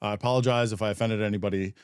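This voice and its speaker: A man's voice: fairly low pitch, fairly even intonation, racing, clear, resonant tone, dry recording, studio quality. A man hosting a news magazine show, chatty and self-deprecating between stories. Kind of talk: casual studio presenting.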